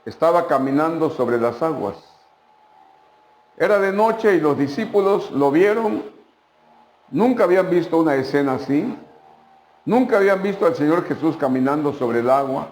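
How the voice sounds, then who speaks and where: A pastor preaches a sermon in a somewhat high voice, emphatic and repetitive, turning often to his listeners. His voice echoes through a church hall. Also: expressive, moderate pace, long pauses, darkish tone, slight background noise.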